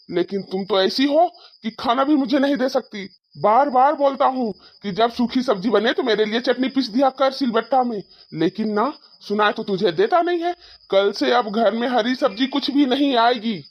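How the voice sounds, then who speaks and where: A grumpy, complaining old father-in-law, put on by a woman, gripes about his meals in a cartoon story. The voice sits high, and the recording is a little dull and lo-fi. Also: moderate pace, lightly acted. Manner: grumbling, complaining.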